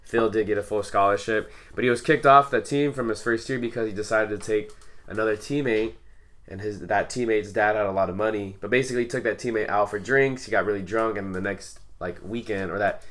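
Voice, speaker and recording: A man co-hosting a podcast, relaxed, talking through background notes and laughing easily. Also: lowish voice, brisk. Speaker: podcast co-host. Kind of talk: casual storytelling chat.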